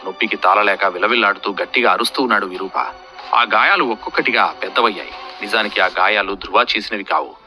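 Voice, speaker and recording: Bright-toned male fantasy storyteller. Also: lowish voice, fast talker, soft background music. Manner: steady, dramatic storytelling. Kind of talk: scripted narration of a fantasy serial.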